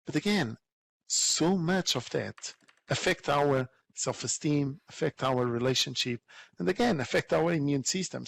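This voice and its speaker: A man who is a nurse and educator, giving an earnest, heartfelt conference presentation. He talks haltingly and often repeats words as he gathers his thoughts. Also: on the high side, vocal fry, a bit bright.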